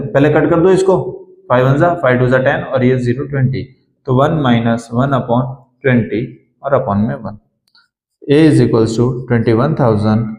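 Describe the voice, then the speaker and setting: A man's voice: medium pitch, darkish tone. A man tutoring maths to students, asking them questions and answering them himself. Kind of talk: blackboard-style maths lesson. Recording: roomy classroom echo.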